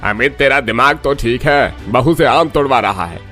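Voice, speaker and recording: A man's voice: mid-range voice, moderate pace, bright, forceful tone, faint music behind, pitched above the performer's own voice, lightly acted. A man voicing a grumbling, taunting older village father-in-law in a cartoon. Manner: taunting, gruff.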